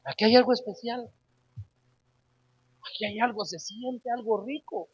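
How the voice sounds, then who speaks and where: A soft, awed church visitor marveling in a hushed voice, as a husky male preacher quotes them. The delivery is quiet and wondering, a little quieter than the preacher's usual voice. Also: extremely high pitch, unhurried, no room sound, highs cut off, voice pushed up, exaggerated voice.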